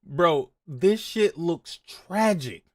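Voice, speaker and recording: A man's voice: on the high side, animated, extremely slow, a little mellow. A man hosting a podcast, reacting to clips with a profane, mocking, laughing rant. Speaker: podcast host. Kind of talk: reaction commentary.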